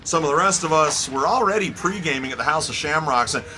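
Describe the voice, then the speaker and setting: A man's voice: a little high, expressive, fast, noisy background. A man calling an amateur hockey game from the booth, roasting players with playful jokes. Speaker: play-by-play announcer. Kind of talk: joking amateur hockey commentary. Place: rink booth.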